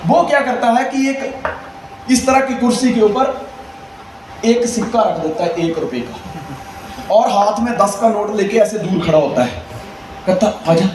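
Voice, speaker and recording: A man's voice: sits high, animated, measured pace, long pauses, darkish tone. A man giving a live motivational seminar, telling humorous stories and acting out characters with animation. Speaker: motivational speaker. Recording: echoey hall, distant mic, crowd noise.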